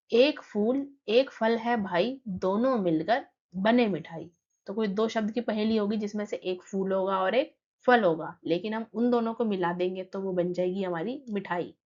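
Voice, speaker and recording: A woman teacher talks through a children's lesson at an unhurried, patient pace. She reads verse lines slowly and then explains them plainly. Her voice sits at a middle pitch and comes through a slightly dull, muffled recording. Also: darkish tone.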